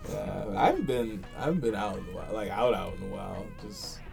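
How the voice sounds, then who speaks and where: A man's voice: lowish voice, animated, quick pace, vocal fry, music in the background. A man chatting casually with friends, playful and laughing often. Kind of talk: casual chat among friends.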